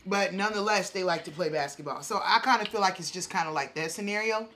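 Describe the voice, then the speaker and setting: Talking fast in a medium, slightly bright voice, a forties-aged woman eats on camera for her mukbang vlog, chatting with viewers and dramatizing her own reactions. She's indoors in her dining room with the camera set on the table ahead, and faint hiss or hum is audible.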